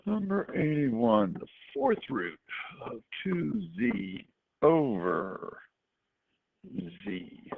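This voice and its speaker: A man teaching math, working through problems step by step with casual asides. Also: mid-range voice. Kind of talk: worked-example math lesson. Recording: tinny lo-fi recording with faint noise.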